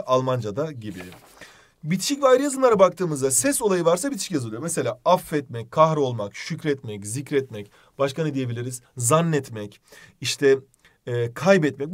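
Brisk, lively Turkish-lesson teacher man. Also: a little high. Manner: brisk, emphatic, stresses example words in a raised voice. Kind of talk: exam-prep grammar lesson.

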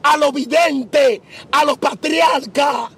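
A man's voice: extremely high pitch, takes it slowly, vocal fry, fairly bright tone, raised voice. A middle-aged man preaching outdoors on a beach, asking rhetorical questions with emphasis. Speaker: preacher being interviewed. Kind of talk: preaching conversation.

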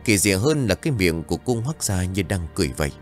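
A man reading a scripted ghost story aloud in a dramatic, expressive way. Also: deep voice, quick pace, soft background music.

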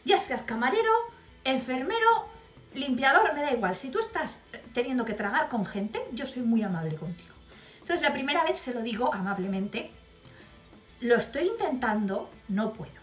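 A woman's voice: sits high, big pitch swings, normal speed, reverberant, faint music behind. A woman, telling a storytime vlog tale in a blunt, wry and profane way. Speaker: vlogger.

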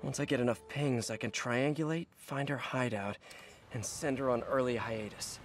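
A man's voice: medium pitch, normal speed, close to an everyday voice. An actor voicing a quippy, self-deprecating young male superhero in a video game. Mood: wry, focused. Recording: game music behind the voice.

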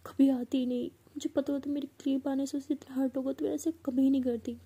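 A woman voicing a guilt-ridden young woman who pleads softly and brokenly through tears. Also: high-pitched, level tone, fairly quick. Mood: guilty. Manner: soft, whispery, choked pleading.

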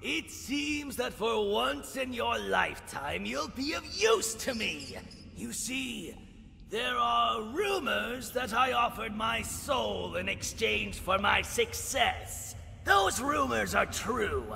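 An actor playing a vengeful undead skeleton boss in a video game, gloating with slow, theatrical villain menace. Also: male voice, very high voice, animated, creaky, sharp tone, heavily acted. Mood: smug menace. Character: vengeful undead skeleton crime boss, evil twin brother. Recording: long cavernous reverb, game music underneath.

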